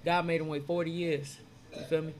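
A man casually retelling old stories in street slang, animated and acting out the characters' voices as he goes. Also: fairly high pitch, fairly quick. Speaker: storyteller retelling Bible stories.

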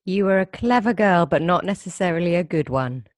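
A woman's voice: lowish voice, animated, a little fast, no echo, clean studio sound. A woman host presenting and interviewing a guest in a conversational, presenter-like style. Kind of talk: scripted introduction and conversational interviewing.

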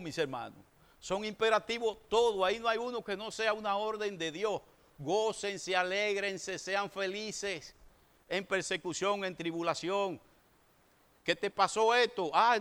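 A man in his sixties preaching a sermon to his congregation, swinging between emphatic raised bursts and quiet asides. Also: high voice, clean tone. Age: 60s. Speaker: pastor.

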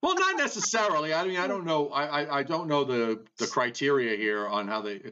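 A man's voice: on the high side, very animated, sharp tone, a little hiss or hum. A man co-hosting a casual chat and quizzing his partner in a guessing game, stopping and restarting often, heard over a bad connection that breaks up and lags. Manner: teasing quizmaster, halting with many restarts. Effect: bad connection, breaking up with delay. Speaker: co-host. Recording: muffled lo-fi remote line.

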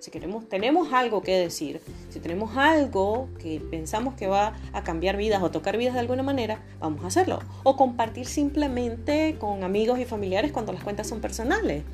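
A woman hosting a podcast, giving a casual reflective monologue in an expressive, emphatic way. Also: a little high, fairly quick, few pauses. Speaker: podcast host. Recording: music behind the voice.

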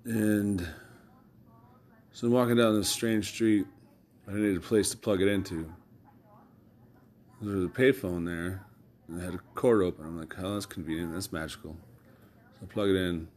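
A man's voice: deep voice, fairly even intonation, moderate pace, pauses often, a little mellow, a little hiss or hum. A man talking casually in a loose, rambling monologue, cursing and chuckling as he recounts things. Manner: loose storytelling with swearing and laughs.

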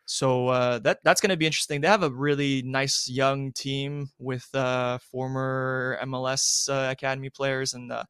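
A man who writes as a soccer journalist, chatting as a guest in an easygoing, halting way with many fillers. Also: medium pitch, level tone, a bit bright, clear, resonant tone, no room sound, clean studio sound. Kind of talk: casual interview chat.

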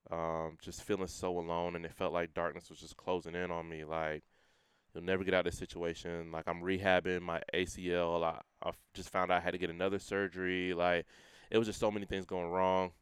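A young man with a very deep, very clear voice tells a personal testimony in a casual interview. He talks earnestly, in everyday slang, and drops his voice when he quotes himself. The sound is dry and close. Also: little pitch movement, brisk, no room sound. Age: young adult. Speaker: guest sharing his testimony.

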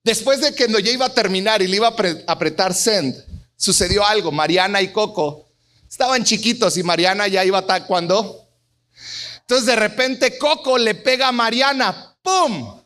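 High-voiced pastor preaching. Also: male voice, moderate pace, pushed and bright. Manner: storytelling, acting out voices with big swings in pitch. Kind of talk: sermon.

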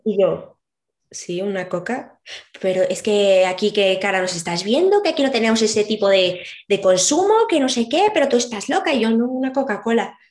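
A young woman with a Mexican accent, chatting casually as an interview guest and telling animated stories. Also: mid-range voice, a little fast, few pauses. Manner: animated storytelling, voices her own and others' quoted lines.

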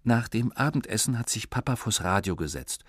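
A man gives an expressive, scripted narration of a children's book. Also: fairly low pitch, a little fast, breathy edge, no echo, studio quality. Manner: lively, expressive reading. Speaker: audiobook reader.

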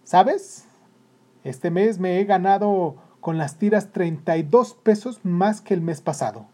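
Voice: mid-range voice, slow, a little mellow, lightly acted. A narrator voicing a weary working father who scolds his son in a raised, emphatic voice. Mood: pleased.

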